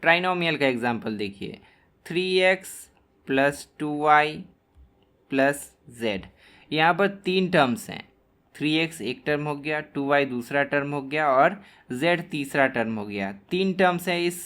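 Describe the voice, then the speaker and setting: Man, maths teacher, fairly high voice, slow deliberate explaining, spells out terms as he writes. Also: animated, fairly bright tone. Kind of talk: classroom lesson explaining at a board.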